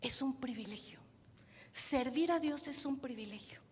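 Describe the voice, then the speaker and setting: A Mexican woman preaching a sermon to a gathering, animated and full of rhetorical questions tagged at the end. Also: sits high, measured pace, a little hiss or hum. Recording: reverberant hall sound.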